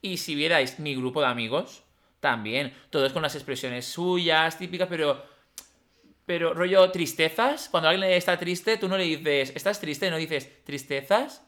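A young man co-hosting a podcast in casual chat, animated and jokey, often laughing. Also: on the high side, moderate pace, slight background noise. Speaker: podcast co-host.

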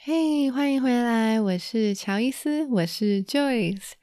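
A woman's voice: fairly high pitch, lively intonation, slow, music in the background. A woman from Taiwan, a native Mandarin speaker with a Taiwanese accent, hosting a casual bilingual language lesson and repeating key words as she explains. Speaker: Mandarin teacher and host.

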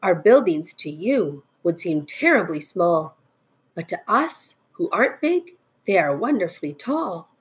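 A woman's voice: lowish voice, big pitch swings, a little slow. A woman voicing a tiny, grateful mayor of a miniature people in a storybook, with a small piping voice and courteous manner. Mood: proud, friendly. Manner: friendly, courteous.

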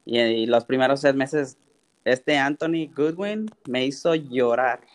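A man, a guest in an interview, telling his story in a relaxed, animated way and acting out quoted dialogue. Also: medium pitch, measured pace. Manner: repeats "literal" often. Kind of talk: casual storytelling.

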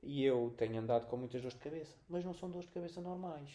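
A young man with a European Portuguese accent, telling a story in a casual podcast chat, animated, swearing often and acting out the scenes. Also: on the high side, fast, slight background noise. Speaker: podcast co-host.

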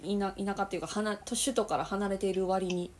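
A woman's voice: mid-range voice, steady tone, fast, darkish tone. A woman hosting a casual conversation, listening closely and backing the other speaker up with frequent short yeses. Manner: attentive listener, frequent "hai" back-channels.

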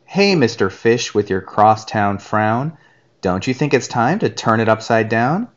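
A man's voice: on the low side, expressive, unhurried, muffled recording. A man voicing a cheerful, grinning female clam giving friendly advice in a storybook. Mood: coaxing.

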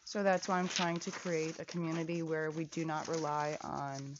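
A woman's voice: low voice, little pitch movement, normal speed, dull audio, noisy background. A woman recording a rambling casual audio diary, reading out lists of places and prices, sometimes half-whispering.

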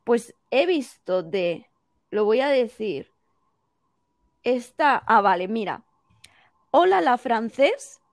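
Woman, higher voice, dry close sound; animated teacher giving advice as a podcast guest. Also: dry recording. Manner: animated, explaining with quick examples. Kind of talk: casual podcast conversation.

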